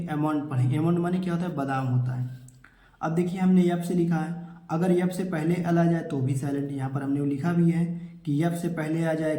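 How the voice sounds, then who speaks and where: A man's voice: fairly high pitch, warm tone, echoey room. A man teaching English pronunciation rules to children, repeating each rule and answering his own questions. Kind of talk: classroom-style lesson.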